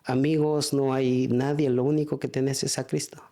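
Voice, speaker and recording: Halting man giving church testimony. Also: mid-range voice, little pitch movement, dark tone. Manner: halting, many restarts and fillers. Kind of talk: spoken testimony.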